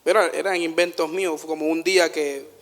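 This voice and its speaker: Preacher guy, highish voice, animated, goes loud then quiet, laughs at himself. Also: a little fast, in a large hall. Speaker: pastor. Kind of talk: sermon with personal stories.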